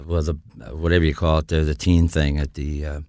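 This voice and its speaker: An older man from the US Midwest, a guest musician, tells long, rambling anecdotes in conversation, restarting often. His voice is extremely low, level, brisk and warm. The recording is dry, with clean studio sound.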